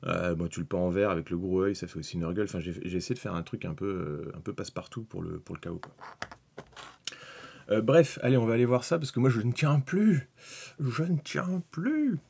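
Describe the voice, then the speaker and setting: Man, lowish voice, husky, rambling, filler-heavy live-stream chat. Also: quick pace, a little mellow. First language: French. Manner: rambling, thinking aloud, with many fillers and restarts. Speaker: miniatures hobby streamer. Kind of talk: casual live-stream commentary.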